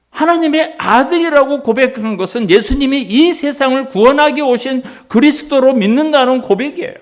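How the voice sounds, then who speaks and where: A male pastor preaching a sermon, acting out quoted voices and swinging from hushed passages to loud, emphatic ones. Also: sits high, creaky.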